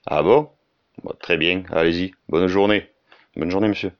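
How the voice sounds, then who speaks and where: A man's voice: low-pitched, normal speed, clean tone, muffled recording, voice pushed down, natural voice. A man voicing a chatty male gendarme at a checkpoint, speaking with a southern French accent in a folksy, singsong way.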